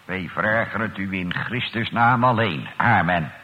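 Male pastor, slow solemn delivery, long church reverb, tinny old radio sound. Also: sits low, a little hiss or hum. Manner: slow, solemn, archaic address. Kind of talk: church prayer and sermon.

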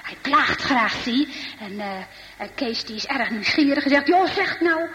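A woman telling a story to children in a lively way, with many asides to her listeners. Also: a little high, unhurried, long reverb tail, muffled recording, a little hiss or hum.

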